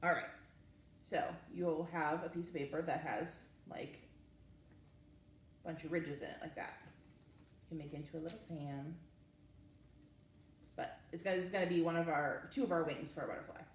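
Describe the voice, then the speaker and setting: A woman with a low-sitting, steady voice hosts children's story time and crafts, speaking at normal speed and pausing often. She encourages the young kids casually through every step, recorded from afar in a roomy space with faint noise.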